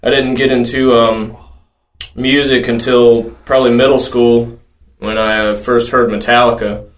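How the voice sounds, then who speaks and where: A man from small-town North Carolina who plays lead guitar, speaking hesitantly with many pauses in a casual interview. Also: mid-range voice, flat delivery. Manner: hesitant, full of ums. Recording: roomy, distant, faint noise.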